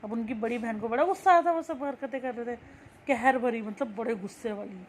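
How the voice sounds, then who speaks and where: High-pitched young woman, teacher, reads a story line by line, then explains it plainly. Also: a little fast, slight background noise. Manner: reads a line, then restates it in simple words. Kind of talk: reading a textbook story aloud and explaining it.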